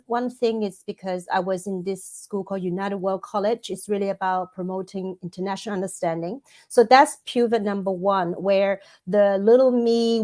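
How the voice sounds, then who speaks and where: A woman from Hong Kong, a women's coach and author appearing as an interview guest, gives thoughtful answers that she builds up as lists, restarting frequently. Her voice is mid-range with a darkish tone.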